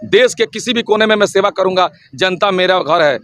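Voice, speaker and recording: A man from Bihar, a local election candidate giving an impassioned campaign interview, forceful and rhetorical, hammering his slogans again and again. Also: high-pitched, fairly quick, no echo. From Siwan district, Bihar, India.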